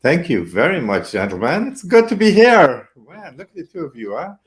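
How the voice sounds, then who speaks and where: A man's voice: on the high side, sing-song, moderate pace. A man from Guyana, a guest in an interview, telling his story in a friendly, expansive way with rhetorical asides. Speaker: guest, public speaking leader.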